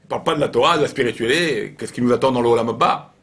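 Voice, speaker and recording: Man, rabbi, informal Torah lesson, animated storytelling, repeats phrases. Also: mid-range voice, racing.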